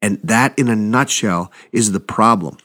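Animated man preaching a sermon, lowish voice. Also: measured pace. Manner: animated storytelling, acts out quotes, conversational asides.

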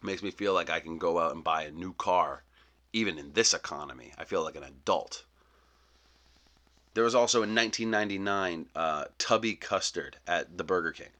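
Low-pitched man in a rambling comic rant. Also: moderate pace, pushed and bright. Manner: rambling, self-interrupting, mock-outraged. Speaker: comedian host. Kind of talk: comedic monologue.

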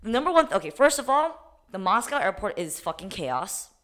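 A woman co-hosting a podcast, telling a story in a lively, casual way, swearing often and acting out what people said. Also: medium pitch, moderate pace. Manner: animated, swears a lot, acts out quoted lines. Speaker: podcast co-host.

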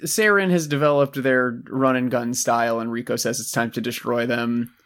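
A man co-hosting a podcast, making dry, deadpan jokes while recapping an anime. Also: medium pitch, moderate pace. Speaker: podcast co-host. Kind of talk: casual anime recap chat.

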